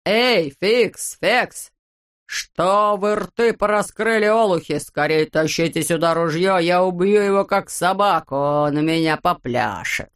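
A woman's voice: lowish voice, smooth. Woman voicing a screeching bald tyrant. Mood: furious. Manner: screeching, drawn-out yelling, name-calling. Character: bald bossy greedy male landowner, hot-tempered. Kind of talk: audiobook character voice.

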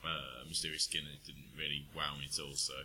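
A man's voice: very deep voice, little pitch movement, quick pace, sharp tone, husky. A man co-hosting a casual podcast, talking in a rambling, hesitant way with many fillers. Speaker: podcast co-host. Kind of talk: casual chat.

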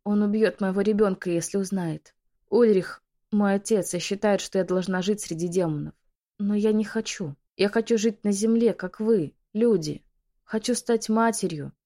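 A woman's voice: mid-range voice, moderate pace, natural voice. Woman voicing Klaudia, a frantic young witch. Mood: pleading. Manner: frantic pleading, raised loud voice. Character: desperate pregnant young witch, frantic and tearful.

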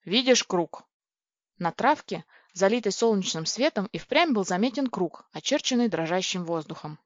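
A woman reading a first-person storybook aloud in a lively, excitable, girlish way. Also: mid-range voice, moderate pace, no room sound. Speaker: audiobook narrator. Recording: dry, dull lo-fi recording.

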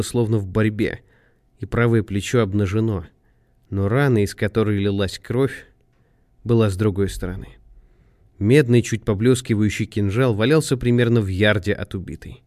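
A man reading a detective story aloud in measured, expressive narration. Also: fairly low pitch, no room sound, studio quality. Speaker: audiobook narrator. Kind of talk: scripted narration.

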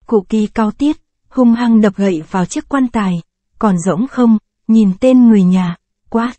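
A woman narrating a short story in a measured, expressive way. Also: on the high side, no echo.

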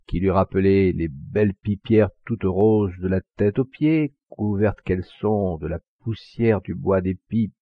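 Male audiobook reader, slow and expressive, gravelly husky voice. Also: low-pitched, dry recording. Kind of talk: audiobook narration of a classic novel. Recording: dull lo-fi recording.

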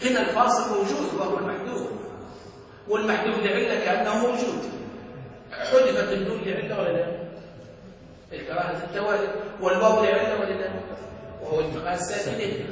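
A man's voice: sits high, fairly even intonation, fast. A man teaching a grammar lesson as a sheikh, constantly checking his students with questions. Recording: echoey hall, distant mic, faint noise.

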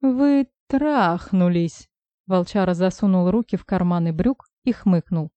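A woman narrating a first-person story in an even, steady storytelling voice, in a dry, slightly dull recording. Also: on the low side, normal speed, no room sound. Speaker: audiobook narrator.

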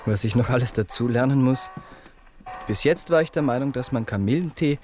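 A man's voice: mid-range voice, animated, normal speed, natural voice. [name], a man playing a tender tired lover. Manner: soft, tender, apologetic. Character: gentle, tired young man in love. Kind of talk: radio drama acting. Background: dance music from a gramophone.

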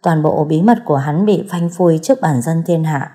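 A woman narrating a serialized audio story, reading in a steady, dramatic storytelling manner. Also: sits low, normal speed. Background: soft background music.

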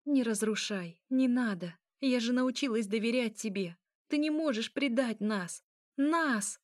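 Brief: a woman playing a young vampire princess, high and proud, vengeful, dry close read. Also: expressive, moderate pace, a little mellow, no room sound, lightly acted. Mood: pleading. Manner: fierce, pleading, bitter. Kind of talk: audiobook character reading.

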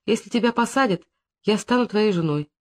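A woman's voice: medium pitch, animated, brisk, natural voice. A reader voicing Dasha, a young village woman, anxious and loving, who pleads and frets. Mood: earnest. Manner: pleading, tearful, then frightened.

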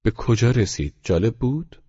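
A man's voice: mid-range voice, lively intonation, mellow, husky, in a large hall, lo-fi sound, pitched above the performer's own voice. A man voicing a smug, educated young man who drawls and sounds pleased with himself. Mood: friendly. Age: young adult. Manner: drawling, self-satisfied.

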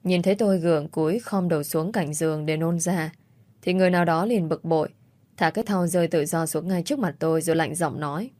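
A woman narrating a first-person story in a steady, measured audiobook style. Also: fairly low pitch, dry recording.

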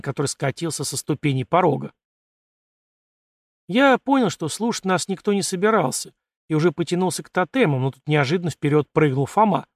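Guy narrating a first-person audiobook, gravelly, dry close sound. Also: fairly high pitch, dry recording.

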